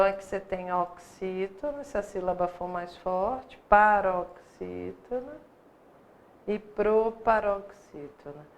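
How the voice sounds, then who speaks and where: A woman with a Brazilian accent teaching a live online grammar class, in a conversational manner with many rhetorical questions. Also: mid-range voice. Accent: Brazilian Portuguese. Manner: conversational, asks rhetorical "né?" often.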